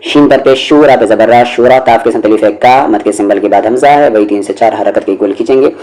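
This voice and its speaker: A man teaching recitation word by word, spelling out each syllable and then reciting the words slowly and drawn out. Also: on the low side, a little mellow, low-quality recording. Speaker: Quran teacher.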